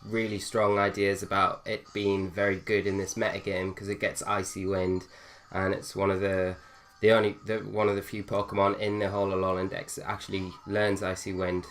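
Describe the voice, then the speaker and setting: Commentating casually on his gameplay, a young man with a cold-induced slight nasality thinks aloud with fillers for his gaming video. He speaks in a low voice and level tone at normal speed, with few pauses.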